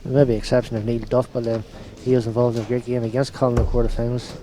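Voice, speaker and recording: A man commentates live on darts in a conversational way. His voice is soft-edged and mellow, with a middling pitch. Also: flat delivery, fast talker, a little hiss or hum, rough recording.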